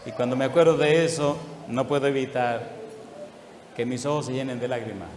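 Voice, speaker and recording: An older male pastor preaches to his congregation at a fairly quick clip, his medium-pitched voice holding a steady tone. He gets emotional and chuckles, slipping in fond asides and rhetorical questions. The recording, made in a church hall, carries background noise and a long, echoing reverb.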